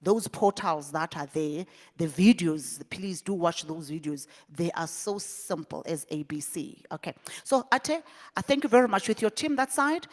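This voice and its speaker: A woman with a fairly low voice hosts a public forum over a hall microphone. She moderates questions and introduces speakers, hesitating often with fillers and restarts. Her voice carries a long reverb from the room. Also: animated, moderate pace. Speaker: event host.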